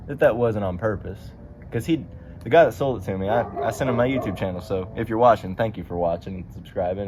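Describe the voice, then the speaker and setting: A man's voice: on the low side, a little mellow. A man talking casually to camera in a laid-back, meandering, folksy way, with colloquial grammar. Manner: folksy colloquial phrasing, ain't and them. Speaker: vlogger. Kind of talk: casual rambling vehicle chat to camera. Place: in and around a truck. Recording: dull lo-fi audio, vehicle noise. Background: car and outdoor ambience.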